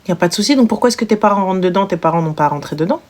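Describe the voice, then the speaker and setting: Racing along with lively intonation, a young woman with a medium-pitched, darkish voice chats with callers on her live stream. She's teasing and blunt, switching now and then into exaggerated mother impressions.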